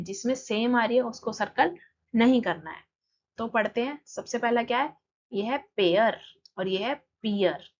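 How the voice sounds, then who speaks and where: Slow, patient Indian woman teacher. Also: a little high. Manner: slow, patient explaining, reads English text aloud slowly. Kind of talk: exercise walkthrough lesson. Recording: slightly dull lo-fi recording.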